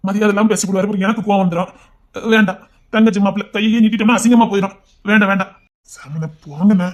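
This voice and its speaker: A man's voice: sits high, steady tone, racing, lightly acted. A man acting a fed-up young man who grumbles in exasperation about his father-in-law, in casual dramatic dialogue. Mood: grumbling. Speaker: actor in a web drama.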